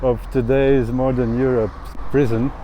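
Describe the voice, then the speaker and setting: A man in his thirties from Latvia, speaking in a slow, thoughtful personal monologue and laughing often as he talks. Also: medium pitch, little pitch movement, warm tone, a little hiss or hum, low-quality recording. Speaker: travel vlogger. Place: outdoors in a town.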